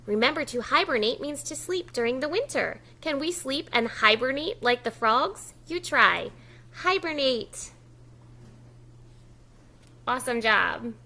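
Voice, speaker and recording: A woman reads a children's picture book aloud at preschool storytime, speaking slowly and very expressively with lively swings in pitch. She adds encouraging asides for her young listeners, using simple child-directed talk and prompting them to repeat words.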